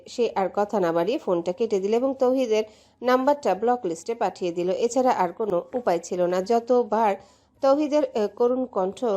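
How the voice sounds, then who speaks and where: A woman narrating a romantic audio story in an emotive, steady way. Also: medium pitch.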